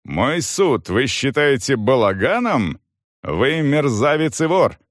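A man voicing a gruff male baron who speaks bluntly and grumbles. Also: mid-range voice, very animated, slow, no echo, studio quality, voice pushed up. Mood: indignant. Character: gruff older male baron, stern lord.

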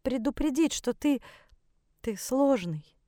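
A woman's voice: sits high, lively intonation, slow pace, dark tone, no echo, clean studio sound, pitched above the performer's own voice. A woman voicing a desperate mother pleading with her teenage son, in an audiobook. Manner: pleading, frantic, tearful.

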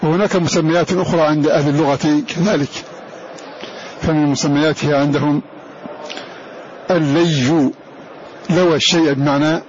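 Male recitation teacher, slightly high voice, slow explanatory lecture, dull recording with faint background hiss. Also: a little mellow. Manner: deliberate, repeats each term for students. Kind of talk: classroom lecture.

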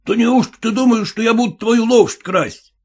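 A man doing a haughty, jumpy gentleman passenger. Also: very high-pitched, moderate pace, voice pushed up. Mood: suspicious, indignant. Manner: indignant, demanding. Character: nervous, haughty gentleman passenger in a fur coat.

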